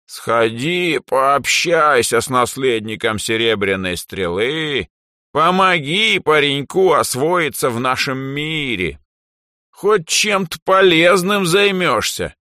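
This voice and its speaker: A grumpy old grandfather, put on by a man reading a storybook in a creaky, grumbling voice. He nags slowly and bossily. The sound is dry and close. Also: medium pitch, big pitch swings, pushed and bright, dry recording, voice pushed up, exaggerated voice.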